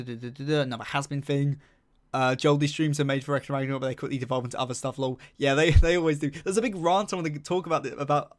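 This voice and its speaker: A young man with a medium-pitched voice chats casually on a live stream, reading the chat and rambling with plenty of fillers. Now and then he hums to himself.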